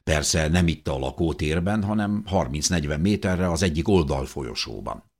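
Very deep-voiced male audiobook narrator. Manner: calm, measured reading. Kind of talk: scripted first-person narration.

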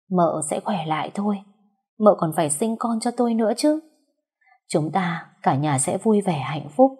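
A grieving young husband pleads through tears, a woman doing the part in a low, warm, husky voice. In the storybook narration he murmurs and begs by turns. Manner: tearful pleading, soft murmuring at night.

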